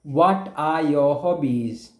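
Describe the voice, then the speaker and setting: A man whose first language is Sinhala, speaking with a Sri Lankan accent, teaches spoken English over a call as an oral drill, patiently repeating questions and offering brief praise. His voice is a little high and slow, with a roomy sound.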